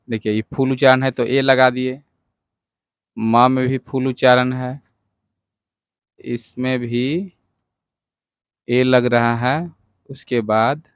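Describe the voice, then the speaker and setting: Slow, patient male teacher. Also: medium pitch, smooth, no room sound, clean studio sound. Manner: patient, repeats each point with check-ins. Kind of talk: whiteboard lesson.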